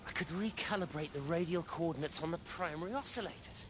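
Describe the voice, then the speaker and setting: An actor playing a frantic, distracted scientist in a video game, hurried and brushing people off. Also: male voice, fairly high pitch, natural voice. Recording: distant voice with noise.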